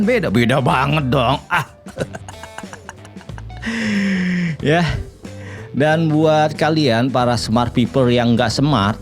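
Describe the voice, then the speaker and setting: A man chatting in a casual tutorial style, joking and laughing often while testing his microphone in a small home studio. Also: medium pitch. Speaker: home recording vlogger. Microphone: condenser mic with plugins.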